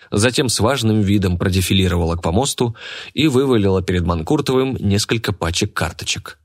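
A man narrating an audiobook in a steady, expressive storytelling manner. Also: on the low side. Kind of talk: scripted narration.

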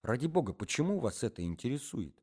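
A man voicing an anxious middle-aged gentleman who pleads in fussy, formal phrases. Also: medium pitch, very animated, fast talker, breathy edge, pitched above the performer's own voice. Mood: pleading.

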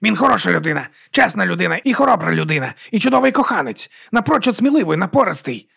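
A man playing a brash werewolf woman, gruff and forthright, for a storybook reading. Her voice sits a little above his own. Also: high-pitched, animated, quick pace, a bit bright, pitched above the performer's own voice, full character voice. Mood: fierce. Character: blunt brash female werewolf.

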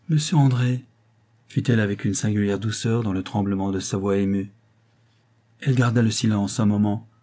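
A man reading a classic novel aloud as an audiobook, in a measured, calm way. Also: on the low side. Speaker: audiobook reader. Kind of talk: literary audiobook narration.

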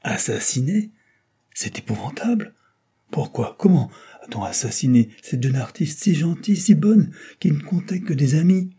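A man reading the part of a cheerful young male aviator in an audiobook, animated and exclamatory, with a husky voice. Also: fairly high pitch, moderate pace, voice pushed up, heavily acted. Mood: shocked.

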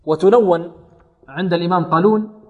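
A man's voice: sits high, a little fast, dull audio. A man teaching Quran recitation in a classroom lesson, quizzing his students and demonstrating sounds over and over. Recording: echoey hall reverb.

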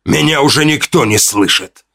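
Give me a man playing a furious injured young tribesman who yells at a high pitch. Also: normal speed. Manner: shouting, shrill.

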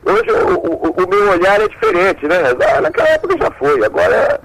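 A man's voice: high voice, wildly swooping pitch, a little fast, gravelly, a bit bright, low-quality recording. A man, a joking and talkative band member who often repeats words as a radio guest. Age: 70s. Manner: jokey, chatty, repeats words. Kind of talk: radio interview.

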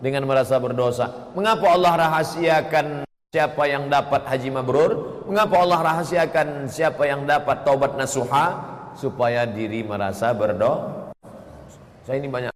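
A man's voice: mid-range voice, normal speed. Man preaching in an echoing hall. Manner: lively storytelling with chanted Arabic phrases. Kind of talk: sermon. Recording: echoey hall with faint ambience.

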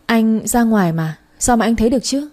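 Sly, tearful young woman, voiced by a woman; raised, whining pitch. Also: expressive, a little fast, warm tone. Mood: pleading. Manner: whining, pleading.

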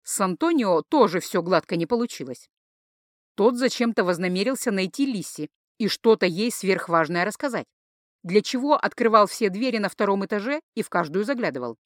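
A woman reading an urban fantasy audiobook in an expressive, lively manner. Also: medium pitch, moderate pace, no echo, studio quality. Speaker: audiobook narrator. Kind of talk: scripted narration.

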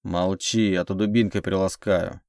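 A man playing a rough male cart driver who mocks and threatens, talking gruffly. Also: low-pitched, fairly even intonation, moderate pace, a little mellow, dry recording, studio quality. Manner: gruff and mocking.

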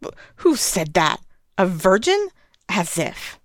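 Woman reads indignant young gossip, sputtering, lively swings, dry close read. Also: lowish voice, slow pace, no echo, full character voice. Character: indignant, gossiping young male drama-stirrer. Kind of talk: audiobook narration of fan fiction.

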